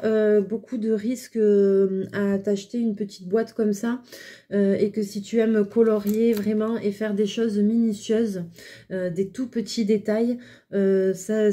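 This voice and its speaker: A young French woman talking casually to camera while testing felt pens, with lots of fillers and hesitations. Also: mid-range voice. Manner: hesitant, many fillers, chatty and relaxed. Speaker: craft vlogger reviewing pens. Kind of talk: casual product review.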